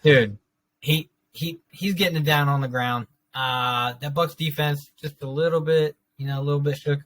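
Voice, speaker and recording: A man's voice: a little high, fairly even intonation, moderate pace, fairly bright tone, dry recording. A man co-hosting a casual football podcast, laid-back and slangy, laughing often. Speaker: podcast co-host. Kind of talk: casual sports chat.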